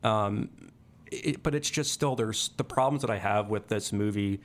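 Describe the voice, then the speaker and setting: A man's voice: fairly low pitch, normal speed. A man co-hosting a podcast, talking casually about movies, thoughtful and hesitant with many fillers. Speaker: podcast co-host. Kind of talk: casual film discussion.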